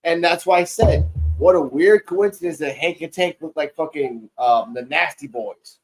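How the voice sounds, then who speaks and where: A man's voice: a little high, moderate pace, soft background music, rough recording. A man in his forties casually recapping a wrestling show, loose and profane, rambling through the matches. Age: 40s. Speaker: podcast co-host. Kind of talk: casual wrestling review chat.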